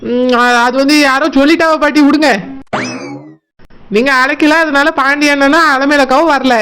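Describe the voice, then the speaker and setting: A woman voicing a cheeky young village woman who talks back quickly and teasingly, with a Kanyakumari Tamil accent. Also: high voice, fairly even intonation, noisy background, lightly acted.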